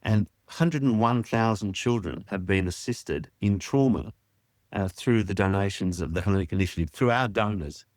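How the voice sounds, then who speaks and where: A man, a charity president answering interview questions in a measured, earnest way. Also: lowish voice, no room sound.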